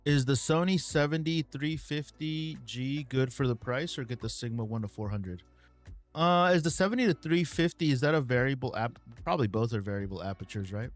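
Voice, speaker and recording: A man hosting a casual live stream, answering viewer questions in a relaxed way with many ums and uhs. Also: medium pitch, fairly quick, soft background music.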